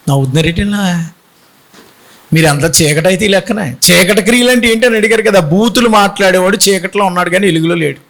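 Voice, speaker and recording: A middle-aged man preaches a Sunday sermon as a bishop, his voice sitting high for a man. He talks in an animated way, often throwing rhetorical questions out to the congregation. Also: creaky, rough recording.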